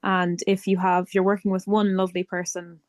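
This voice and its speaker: A woman's voice: lowish voice, little pitch movement, a little fast, no room sound, clean studio sound. A woman with an Irish accent chatting fluently in a casual interview as a band member.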